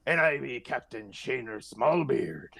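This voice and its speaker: A man doing a boastful pirate captain, rolling out hammy pirate grammar in a podcast bit. The voice sits at an ordinary male pitch. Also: expressive, a little slow, vocal fry, a bit bright, husky, heavily acted. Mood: swaggering.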